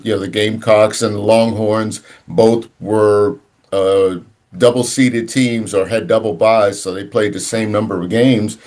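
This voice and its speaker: Lower-voiced, halting sports talk man. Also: a little mellow. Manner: halting, searching for words, many restarts. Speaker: sports podcast co-host.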